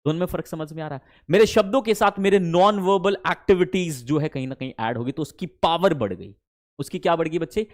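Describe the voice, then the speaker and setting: Male teacher, higher-pitched, chatty, drills pronunciation, drawn-out lines. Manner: addresses students fondly as kids, mixes Hindi and English; slows down and stretches English phrases. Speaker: English teacher. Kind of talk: online spoken-English class.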